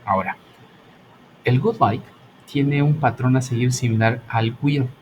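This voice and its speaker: A man's voice: medium pitch, unhurried, muffled recording, a little hiss or hum. Bilingual man teaching English grammar. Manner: explains patiently, switches between Spanish and English, frequent "¿ok?". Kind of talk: online class explanation.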